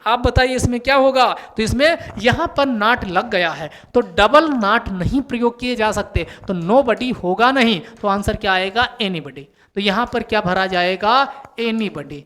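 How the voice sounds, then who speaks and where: A woman's voice: medium pitch, animated, a bit bright. A woman teacher going through an English test paper for exam candidates, asking questions and answering them herself and repeating key words. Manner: reads English test sentences slowly and carefully.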